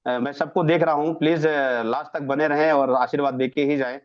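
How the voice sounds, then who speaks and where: A man's voice: a little high, steady tone, brisk. A man hosting an online webinar, introducing guests with effusive, ceremonial praise over a video call. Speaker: webinar host. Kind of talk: formal event hosting. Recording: muffled video call audio.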